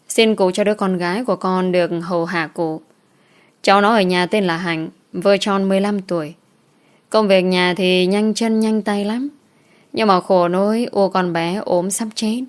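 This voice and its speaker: A woman's voice: medium pitch, fairly even intonation, unhurried, lightly acted. A woman voicing a pleading poor father. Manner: pleading, hesitant. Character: poor, desperate older father, timid and pleading.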